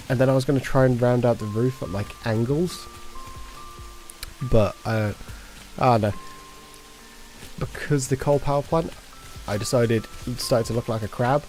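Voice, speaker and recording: Guy streaming a game, rambly and jokey, normal pitch, some quiet music behind. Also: moderate pace, long pauses. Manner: rambling, jokey, sings to himself. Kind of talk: casual gameplay commentary.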